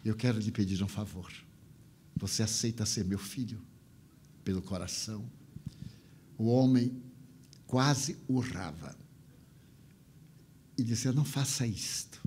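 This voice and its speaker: A man's voice: lowish voice, unhurried, pauses often, warm tone, a little hiss or hum. Older man telling a moving story. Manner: emotional storytelling, mimics sounds and voices. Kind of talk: storytelling talk.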